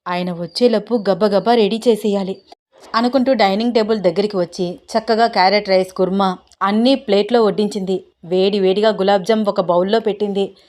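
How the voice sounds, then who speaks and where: A female storyteller reading a romance serial in a gentle, unhurried way. Her voice sits in a plain middle pitch. It is a calm, steady narration.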